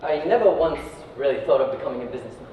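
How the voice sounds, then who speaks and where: An Iraqi man who founded a company gives a casual talk to listeners, regularly checking in with tags such as "yeah" and "right." He talks rapid-fire, with a mid-range voice and lively intonation. The mic is far away in an echoey indoor venue, and the audio is dull with faint noise.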